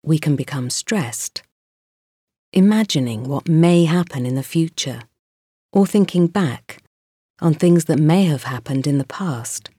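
A woman guiding a mindfulness meditation in a slow, soft, soothing voice with pauses. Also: low voice, animated, breathy edge, dry recording, clean studio sound. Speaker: meditation guide.

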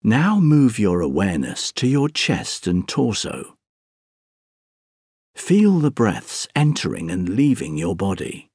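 Slow, soft, breathy man guiding relaxation. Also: lowish voice, big pitch swings, no room sound, studio quality. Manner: soothing, unhurried, gentle instructing with long pauses. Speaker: guided meditation narrator. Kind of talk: guided sleep relaxation meditation, scripted narration.

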